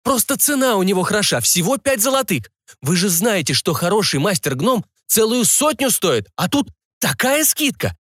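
A man putting on a shrill fawning market barker. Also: sing-song, moderate pace, fairly bright tone, no echo, studio quality, full character voice. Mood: wheedling. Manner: wheedling, shrill and pushy. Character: skinny fawning male slave-market barker. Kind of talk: audiobook character voice.

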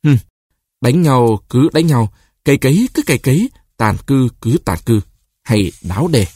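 A man's voice: medium pitch, lively intonation, moderate pace, darkish tone, husky, dry recording, studio quality. A man reading as a proud old village man. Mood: chatty. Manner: stammering when shaken. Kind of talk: audiobook reading of a short story.

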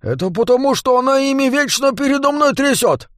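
A man's voice: extremely high pitch, lively intonation, brisk, a bit bright, no echo, studio quality, voice pushed up. A man voicing a grumpy, defensive male dwarf agent who whines. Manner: whiny and defensive.

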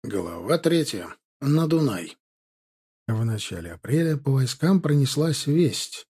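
Calm male audiobook narrator. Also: medium pitch, measured pace, slightly rough. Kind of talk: scripted narration.

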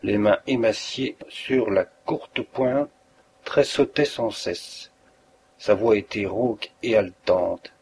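A man reading a detective story aloud as an audiobook narrator, in a measured storytelling manner. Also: on the low side, a little mellow, a little hiss or hum.

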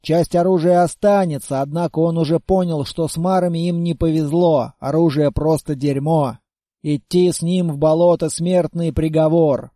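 A man voicing a calm, matter-of-fact male colonist comrade in an audiobook, speaking in a dry, practical way. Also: a little high, moderate pace, no echo, close to an everyday voice.

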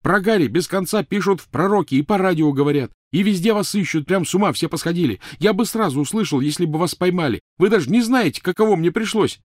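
A man voicing a teenage boy wizard who pleads loudly, blusters and tries clumsy jokes. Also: medium pitch, big pitch swings, moderate pace, no room sound, studio quality, voice pushed up. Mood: pleading. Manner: loud, pleading, clumsy joking.

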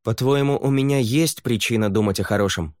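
Мужчина-чтец озвучивает суровую, закалённую воительницу-полукровку, говорящую резко и отрывисто. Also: male voice, mid-range voice, a little fast, a little mellow, dry recording, clean studio sound, pitched above the performer's own voice, lightly acted. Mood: harsh. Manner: blunt and curt. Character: stern, hardened half-blood woman warrior.

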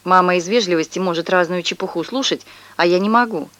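A woman narrating a children's story for an audiobook in a lively, expressive way. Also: fairly low pitch, quick pace, no echo.

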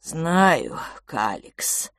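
A woman voicing a calm, weary old male sage who reasons slowly and sighs between thoughts. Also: deep voice, no echo, studio quality, full character voice. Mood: weary reasoning. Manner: measured, sighing, reasoning.

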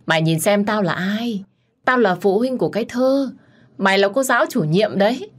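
A woman's voice: on the low side, expressive, normal speed. A woman voicing a furious, scornful middle-aged wife who hurls threats at her rival.

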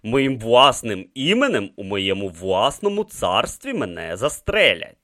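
A man reads a young prince's anxious inner thoughts in a storybook. The voice stays close to a plain reader's tone, quiet and tense. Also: on the low side, sing-song, a little slow, heavily acted. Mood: worried. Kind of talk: audiobook reading.

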